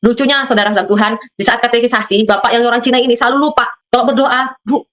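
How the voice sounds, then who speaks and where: A woman's voice: on the high side, fairly even intonation, racing, fairly bright tone. A woman from Madura giving a spoken religious testimony, telling her story to listeners and acting out the voices of the people in it. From Madura, Indonesia. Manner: storytelling, often addresses listeners directly. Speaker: testimony guest.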